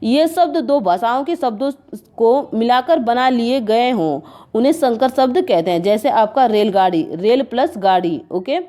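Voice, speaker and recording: Mellow-voiced woman tutoring exam answers. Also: a little high, lively intonation, normal speed. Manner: addresses viewers as friends, repeats "okay" between points.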